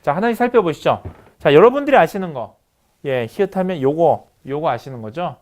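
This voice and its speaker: Man lecturing with a lively, high voice. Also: brisk. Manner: explains step by step, many "자" and "네" fillers; writes on screen while talking. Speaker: university lecturer. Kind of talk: recorded online lecture.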